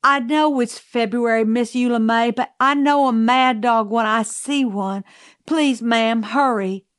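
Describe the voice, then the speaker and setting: In studio-quality audio with no echo, a woman gives a lightly acted audiobook performance of a brusque, commanding Southern housekeeper, speaking emphatically in a Southern US accent. Fairly high-pitched and a little slow, the no-nonsense character shifts from exasperation to urgent alarm.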